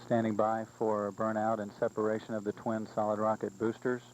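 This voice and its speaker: Man, mission control commentary, even monotone, muffled lo-fi sound, faint noise. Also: lowish voice, fairly quick. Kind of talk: factual flight commentary. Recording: dull, faintly noisy broadcast audio.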